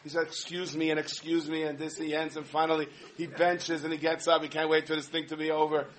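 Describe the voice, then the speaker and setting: A man delivers a humorous sermon. He tells stories in an animated way, full of asides. His voice sits a little higher than most men's. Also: fast talker, slight background noise. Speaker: rabbi giving a talk.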